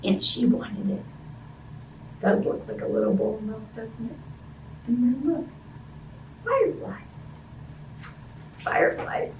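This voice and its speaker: A woman's fairly high, expressive voice moves slowly with frequent pauses as she reads a picture book to young children and chats with them using simple questions. The highs in the audio are cut off, and the recording sounds roomy and distant with faint background noise.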